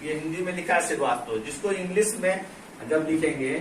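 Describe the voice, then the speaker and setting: A man teaching English pronunciation and grammar, explaining slowly, repeating key words and spelling out letters. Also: on the high side. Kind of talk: classroom-style explanation at a board. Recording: echoey room, from a distance, faint noise.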